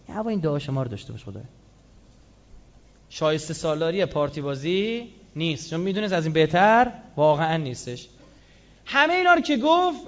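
High-voiced, animated male preacher. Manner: animated, with Quranic quotes and colloquial asides. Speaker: religious speaker. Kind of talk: lively sermon. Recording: slightly dull lo-fi sound.

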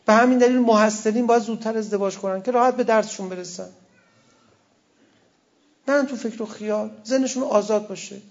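A man's voice: high voice, pauses often. A man, a cleric, giving a conversational sermon with wry asides and quoted verse. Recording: dull lo-fi recording.

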